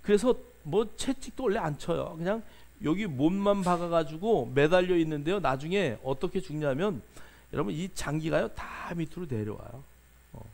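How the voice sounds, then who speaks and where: A man's voice: fairly high pitch, gravelly, darkish tone. A male pastor preaching a sermon, questioning the congregation and coaxing answers, with frequent filler sounds.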